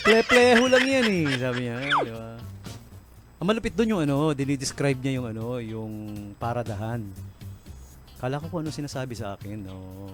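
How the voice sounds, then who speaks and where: A man's voice: mid-range voice, sing-song, a little slow, pauses often, music in the background. A man with a Filipino accent hosting a casual late-night radio show, laughing often and mixing Tagalog and English. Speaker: radio DJ host. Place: radio studio.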